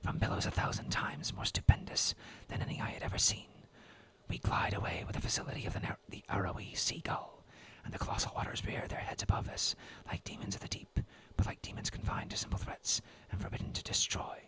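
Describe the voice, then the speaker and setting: A man in his twenties from New England, reading a classic sea tale aloud in a whispered role-play ASMR style. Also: a little fast. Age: 20s. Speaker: storyteller.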